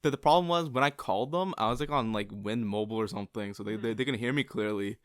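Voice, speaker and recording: A man's voice: fairly low pitch, fast, no echo, clean studio sound. A man co-hosting a podcast, telling a story in casual chat and laughing often as he goes. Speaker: podcast co-host.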